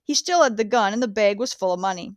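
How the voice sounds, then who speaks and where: A woman's voice: mid-range voice, expressive, quick pace, no room sound, studio quality, natural voice. A woman reading the part of a female witness giving eager testimony in court.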